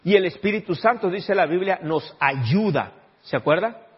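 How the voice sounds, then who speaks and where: Husky-voiced man preaching a sermon. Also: high-pitched, lively intonation, moderate pace, lo-fi sound. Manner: keeps asking the congregation rhetorical questions. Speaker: pastor.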